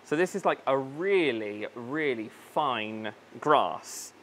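A man's voice: medium pitch, lively intonation, slow, a bit bright. A man hosting a casual unboxing vlog in his aquarium shop, chatty and enthusiastic, thinking aloud and tripping over plant names. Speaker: fish shop owner and video host.

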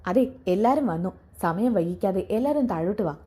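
Lady doing bossy calm big brother, firm, mellow husky tone. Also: mid-range voice, moderate pace. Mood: reassuring. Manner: firm, matter-of-fact. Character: authoritative older brother, calm head of house.

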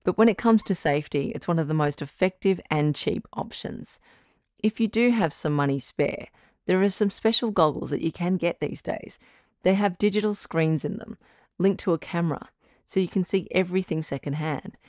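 A woman with a fairly low, slightly mellow voice, speaking at normal speed, lightly acts the part of a doctor hosting a radio call-in advice show. She's frank, encouraging and matter-of-fact in a conversational, reassuring and practical way. The studio sound is clean and dry.

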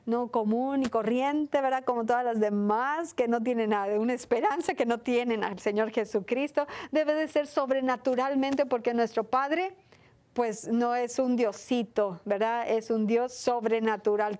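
Mexican woman preaching, kinda high voice, earnest, keeps asking rhetorical questions. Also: a little mellow. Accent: Mexican Spanish. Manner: earnest, personal testimony with frequent rhetorical questions. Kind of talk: sermon.

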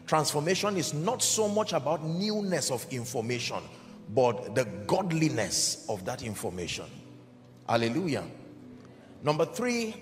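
A man preaching a sermon in an emphatic, deliberate way, calling out to his audience. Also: on the high side. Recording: reverberant hall with faint background music.

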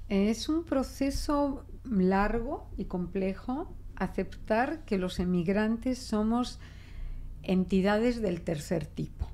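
Taking it slowly at medium pitch, an older linguist from Spain talks as a guest in a conversational interview, her Spanish accent softened toward Mexican Spanish. She is expressive and reflective, often restarting and gesturing. The setting is a small indoor studio office, with her voice picked up by a desk microphone.

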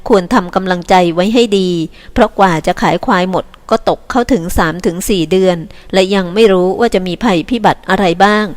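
A woman narrating an audiobook in a calm, soft, steady reading voice. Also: medium pitch, a little fast, hardly any pauses.

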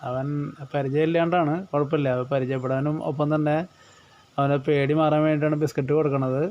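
A man's voice: on the high side, level tone, brisk, highs cut off. A man giving casual commentary as he welcomes a new puppy, explaining each step in a reassuring way. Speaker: new pet owner.

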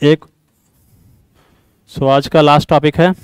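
A man's voice: a little high, level tone, slow, clean tone, no room sound. A man teaching an exam-prep class, explaining points over and over and quizzing his students. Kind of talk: classroom lecture mixing Hindi and English.

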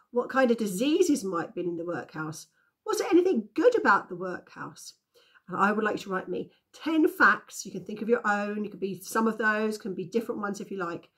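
A woman tutor reads a children's classic aloud, giving it an expressive storytelling lilt. Between chapters she speaks to young pupils in a friendly teacher's voice. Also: medium pitch.

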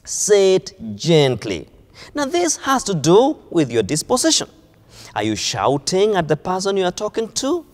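A man's voice: high-pitched, wildly swooping pitch, moderate pace, long reverb tail. A man with a Kenyan accent preaching a sermon in a church, stressing key phrases by repeating them. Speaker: pastor.

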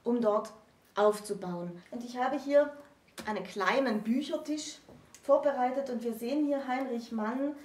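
Speaking unhurriedly in a fairly high, slightly mellow voice, a woman in her thirties hosts a literature discussion in a small book-lined room. She explains clearly and asks questions in a conversational, educational way. The distant microphone makes the sound roomy.

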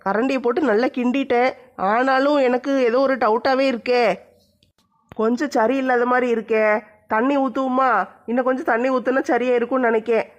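A woman's voice: high-pitched, steady tone, brisk, muffled recording, pitched below the performer's own voice, natural voice. A woman voicing a sly, spiteful young daughter-in-law who grumbles and runs a mock cooking show. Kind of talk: comedy skit.

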